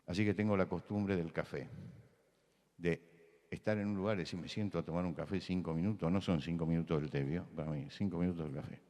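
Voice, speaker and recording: An older Argentine man with a Rioplatense accent preaches in a conversational, storytelling way that builds to emphatic points. His voice sits very low. The sound carries a long church-hall reverb. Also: fast, a little mellow. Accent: Rioplatense Spanish. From Buenos Aires, Argentina. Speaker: pastor. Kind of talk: sermon.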